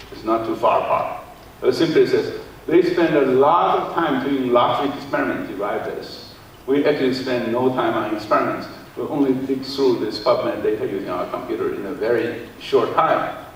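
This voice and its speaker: A man giving an academic keynote, a non-native English speaker who often checks in with "okay" and restarts his phrases. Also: medium pitch. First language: Chinese. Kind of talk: academic conference talk. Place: lecture hall. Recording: distant mic in very echoey hall, faint noise.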